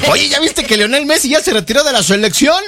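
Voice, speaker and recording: Playful Mexican radio host, high lively voice. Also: male voice, fast talker, vocal fry. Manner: playful, joking, laughs a lot. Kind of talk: casual call-in radio banter. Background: background music.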